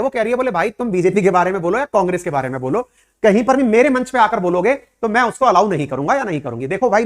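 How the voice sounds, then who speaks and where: A high-voiced man explains current affairs to his viewers in a conversational, lecturing manner. He uses many rhetorical questions, speaks to the audience directly, and mixes English words into his speech.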